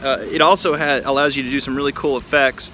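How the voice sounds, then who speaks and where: American guy from texas chatting from the backyard, bright forceful voice, bit of outdoor noise, casual gear demo. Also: mid-range voice, steady tone, fast. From Texas, United States. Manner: informal, laid-back address from the backyard. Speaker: vlogger presenting vintage cameras. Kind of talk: casual hands-on product demonstration to camera. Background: faint outdoor pool noise.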